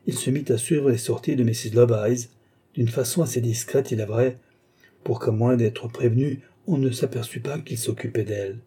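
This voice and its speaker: A man reading a novel aloud as a narrator, in a measured storytelling manner. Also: medium pitch, mellow, slightly rough. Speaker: audiobook narrator. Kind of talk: scripted narration.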